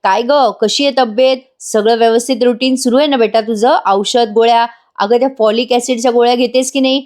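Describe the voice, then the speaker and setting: Brief: woman reading a cheerful, doting older man, fatherly and teasing, a bit high-voiced. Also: fairly even intonation, a little fast, darkish tone, natural voice. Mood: jovial. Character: affectionate older father-in-law, man, jovial.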